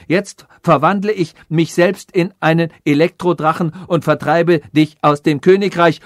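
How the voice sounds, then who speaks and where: A man's voice: a little high, no room sound, studio quality, voice pushed up, natural voice. A man voicing a scheming calculating machine. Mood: threatening. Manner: lofty, scheming, lecturing. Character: cunning, vain female calculating machine.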